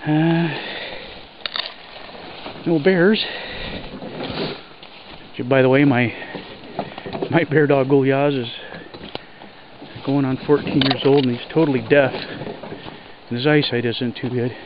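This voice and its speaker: Homesteader man, plain talk, winded from hiking, lo-fi wearable-camera audio over loud running water. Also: mid-range voice, steady tone. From Alaska. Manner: plain-spoken, breathy from hiking over rough ground. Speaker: homesteader vlogger. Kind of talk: casual walking narration. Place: outdoors in woods by a creek. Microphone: body-worn action camera. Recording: dull lo-fi camera audio, loud creek noise. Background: rushing creek water.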